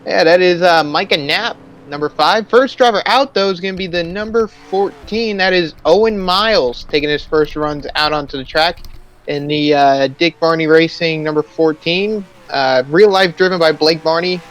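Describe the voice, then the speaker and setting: A man giving color commentary on a simulated stock car race, rambling and excitable, often laughing at his own jokes. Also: fairly high pitch, normal speed, rough recording. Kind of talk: sim racing commentary.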